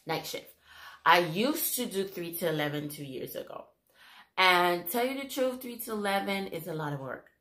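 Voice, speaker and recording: Haitian lady vlogging about her aide jobs, lowish voice, lots of um, echoey room. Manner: animated, switches into Haitian Creole, many fillers. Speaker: home health aide and nursing assistant. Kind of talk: casual storytelling to camera.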